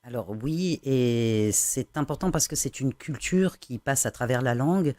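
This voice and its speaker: School founder guy, mellow dark voice, slow careful bits with euh, dry. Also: medium pitch, dry recording. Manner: measured, hesitant, frequent fillers. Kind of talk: TV interview.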